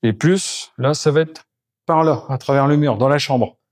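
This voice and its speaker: Walking through the rooms of a house, a male geobiologist carries out an energy clearing and talks the camera through each step as he demonstrates it. His voice is fairly high and darkish, at normal speed, captured in studio quality with no room sound.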